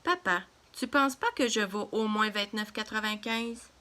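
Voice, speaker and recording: A woman's voice: mid-range voice, a little slow, sharp tone. A woman voicing a stubborn, cheeky little girl. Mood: pleading.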